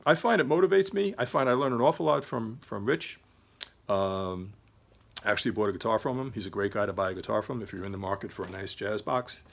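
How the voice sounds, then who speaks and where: An older man with a fairly low voice chats about guitars in a loose, rambling way. He wanders off track, fills pauses with ums, and corrects himself as he goes. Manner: relaxed, meandering, many ums and restarts. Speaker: guitar channel host. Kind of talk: casual rambling talk to camera.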